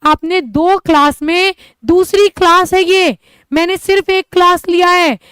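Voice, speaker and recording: A woman's voice: high-pitched, no room sound. A woman teacher giving an English-speaking class, encouraging her students and repeatedly asking and answering her own questions. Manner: addresses students as children. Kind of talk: online class lesson.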